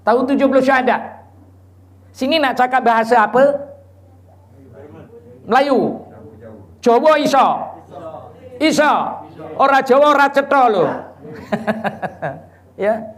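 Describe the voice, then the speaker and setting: A man preaching a lively, teasing religious lecture in a mosque, quizzing the audience and chanting Quranic verses. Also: extremely high pitch. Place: mosque gathering.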